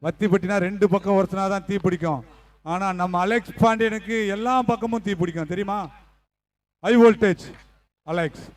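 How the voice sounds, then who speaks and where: A man's voice: high-pitched, steady tone, fast talker. A man co-commentating a local cricket match, teasing and joking with his partner. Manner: teasing, playful banter.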